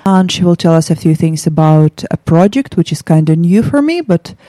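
Mellow, lowish-voiced woman hosting a podcast. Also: animated, moderate pace, no echo. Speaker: podcast host, interviewer. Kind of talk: prepared podcast introduction and interview questions.

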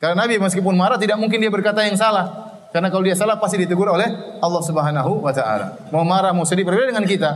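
High-voiced man lecturing in a reverberant hall. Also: fast talker. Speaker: Islamic religious teacher. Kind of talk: religious study lecture.

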